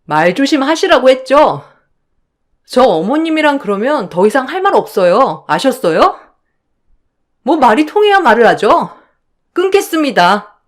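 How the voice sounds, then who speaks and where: A woman's voice: high-pitched, very animated, a little slow, long pauses, pitched above the performer's own voice. A woman doing an indignant young wife. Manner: firm, indignant retorts. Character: sharp-tongued young wife standing her ground.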